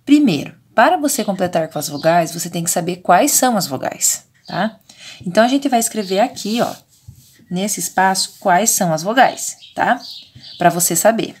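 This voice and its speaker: Brazilian preschool teacher, remote lesson, drawn-out syllables, keeps checking in. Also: female voice, medium pitch, animated, darkish tone, breathy edge. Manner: patient, drawn-out sounding of syllables and vowels; frequent checking fillers. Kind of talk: remote lesson for young children.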